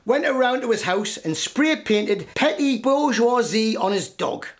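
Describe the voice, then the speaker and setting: An actor playing a gruff, blunt working-class socialist who needles people in a sitcom. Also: male voice, extremely high pitch, sing-song, a little slow, heavily acted. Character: gruff old-school socialist man, confrontational. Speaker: old left-wing comrade. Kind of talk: sitcom acting.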